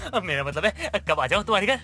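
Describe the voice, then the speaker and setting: A voice actor playing an excitable, goofy young man who sells dhokla in an animated story, talking in comic, over-the-top bursts. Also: mid-range voice, fast, soft background music. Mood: giddy.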